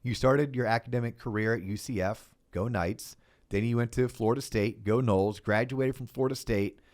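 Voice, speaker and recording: A man's voice: mid-range voice, moderate pace, a little mellow. A man hosting a casual podcast, talking confidently and often repeating a word as he starts a thought. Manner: confident, stumbles and repeats words. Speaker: podcast host.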